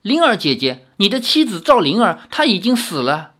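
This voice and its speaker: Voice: medium pitch, big pitch swings, normal speed, fairly bright tone, pitched above the performer's own voice. A narrator voicing a young girl who pleads tearfully with the hero in a read-aloud novel. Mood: grieving plea.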